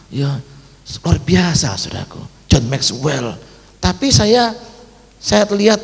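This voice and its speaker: A male pastor delivering a lively, animated sermon with acted asides, in an old recording from a church. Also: mid-range voice. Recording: old 2003 recording with long reverb.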